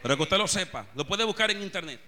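Fervent preacher with a very high voice. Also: male voice, expressive, fast. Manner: fervent, calls on the congregation to repeat after him. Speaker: pastor. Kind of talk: sermon. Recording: music playing behind.

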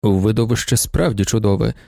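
A man reading an audiobook and voicing a weary, brooding middle-aged merchant in a measured way. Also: on the low side, gravelly, a little mellow, dry recording, studio quality.

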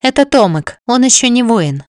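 A woman's voice: fairly high pitch, lively intonation, moderate pace, darkish tone, dry recording, studio quality, voice pushed up, natural voice. A woman voicing an anxious, caring young servant girl who speaks in a worried, pleading way.

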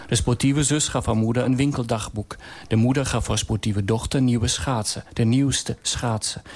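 A man's voice: medium pitch, a little mellow. Man reading a radio story.

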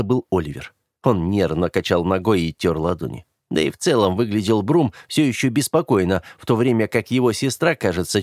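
Expressive male audiobook narrator. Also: deep voice, dry recording, clean studio sound. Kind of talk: scripted first-person narration.

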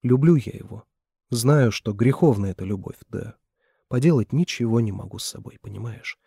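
A man voicing a distraught young woman who shouts and pleads in turn, his voice husky. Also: fairly low pitch, normal speed, dry recording, studio quality. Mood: pleading.

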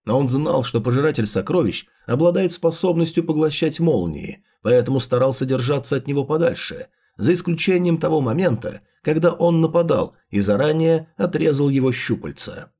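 A man's voice: a little high, expressive, normal speed, hardly any pauses, darkish tone, slightly rough. A man narrating scripted fiction as an audiobook reader.

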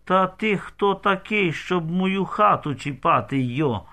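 Man playing a raging village father, shouting threats, raised pitch, forceful tone. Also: expressive, unhurried, full character voice. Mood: furious. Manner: shouting in rage.

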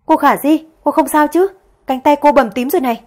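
A woman's voice: fairly high pitch, moderate pace, darkish tone, slightly rough. A woman voicing a deferential young housemaid who speaks politely and anxiously. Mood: worried. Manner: polite, worried.

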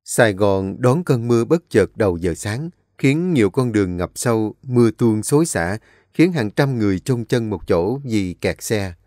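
A man narrating a story in a steady, even storytelling manner. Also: fairly low pitch, normal speed, dry recording, studio quality. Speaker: audiobook narrator. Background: faint background music.

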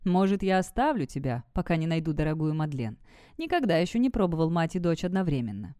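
A woman's voice: deep voice, very animated, fast, warm tone, clear, resonant tone, dry recording, studio quality. A woman voicing a cruel, sneering male vampire master in an audiobook. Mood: menacing. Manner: taunting, sneering.

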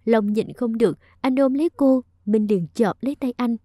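Mellow woman reading a romance story. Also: on the high side, normal speed, dry recording, studio quality. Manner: emotive storytelling. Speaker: narrator. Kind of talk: audiobook narration of a romance story.

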